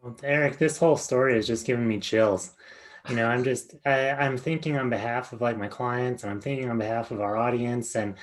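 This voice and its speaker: A man's voice: medium pitch, steady tone, brisk. A man hosting a podcast interview over a video call, earnest and rambling, with many fillers. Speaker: podcast host. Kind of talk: casual interview talk.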